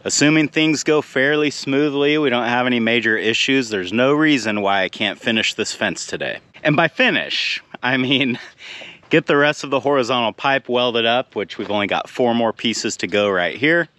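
A man's voice: medium pitch, normal speed, bright, forceful tone, dry recording. A man in his thirties, a rancher, casually explaining his work to a handheld camera outdoors. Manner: easygoing, practical, explains as he works. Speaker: rancher vlogger. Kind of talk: casual vlog narration to camera. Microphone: handheld action camera at arm's length.

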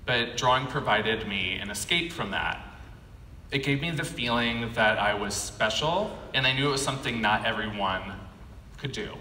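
This keynote comes from an American man in his thirties, an animation artist from California, telling his own story in a prepared speech of measured short phrases and pauses. His voice is mid-range, pushed and bright. He speaks at a podium on an indoor conference stage into a gooseneck mic, heard through an echoey hall PA with faint background noise.

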